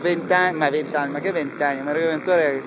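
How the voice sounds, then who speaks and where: A middle-aged Italian man giving effusive, excited live race commentary, repeating names and phrases as he addresses the listeners. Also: a little high, quick pace. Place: outdoors at a hillside motocross track. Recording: noisy outdoor trackside PA with engine noise. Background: loud engines and vehicles.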